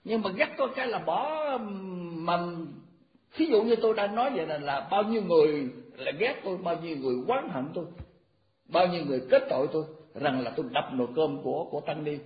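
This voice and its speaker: A man's voice: on the high side, lively intonation, fast talker. A man in his eighties, a Buddhist monk, giving an informal, folksy dharma talk and rattling off memorized verse formulas. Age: 80s. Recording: echoey, muffled recording.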